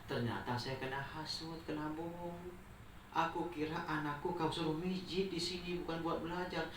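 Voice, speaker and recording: A man voicing an indignant middle-aged father, shouting and then pleading, recorded in a roomy space from a distant mic. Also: fairly high pitch, steady tone, normal speed, a little hiss or hum, close to an everyday voice. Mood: remorseful.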